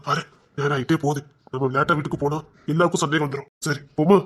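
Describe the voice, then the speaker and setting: An actor playing a caring father who soothes and coaxes his crying daughter in a TV serial, repeating himself gently. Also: fairly high pitch, steady tone, fast talker, close to an everyday voice. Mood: soothing. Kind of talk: TV serial drama.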